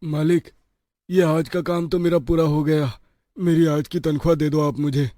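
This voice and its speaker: A man's voice: on the high side, little pitch movement, moderate pace, warm tone, no room sound, clean studio sound, close to an everyday voice. A man voicing a humble, hardworking poor laborer in a cartoon, polite and deferential.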